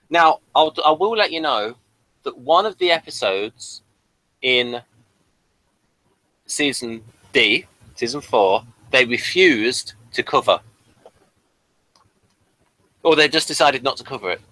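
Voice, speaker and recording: Co-hosting a casual, unscripted review show, a man often stammers and restarts phrases while explaining things. His mid-range voice is expressive, bright and forceful, with a measured pace and long pauses, and the rough recording has no room sound.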